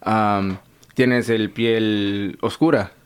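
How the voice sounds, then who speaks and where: A Mexican-born man hosts a live radio interview in a relaxed, conversational way. He asks his guest questions and keeps checking in with little tag questions. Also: fairly low pitch, drawn-out words, clean tone. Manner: chatty, tags questions with "¿verdad?". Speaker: radio host.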